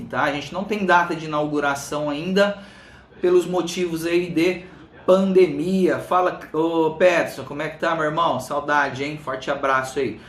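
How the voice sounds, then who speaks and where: A man's voice: a little high, fairly bright tone. A Brazilian man hosting a casual live stream, chatting informally to viewers by name, his speech slightly thick from a swollen tongue. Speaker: live stream host, fitness coach. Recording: roomy, echoing room sound.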